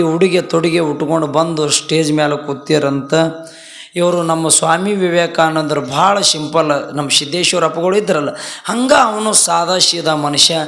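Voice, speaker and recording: A man preaching a folksy sermon, telling a story and acting out its dialogue, often rising into loud emphatic peaks. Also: fairly high pitch, creaky. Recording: echoey hall with faint music.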